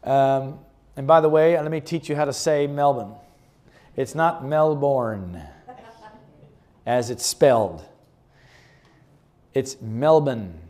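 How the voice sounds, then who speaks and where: A man giving a chatty, relaxed presentation about a health retreat to a church group, showing slides and chuckling often. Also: mid-range voice, measured pace, pauses often. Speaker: guest speaker presenting a health retreat ministry. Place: church meeting room.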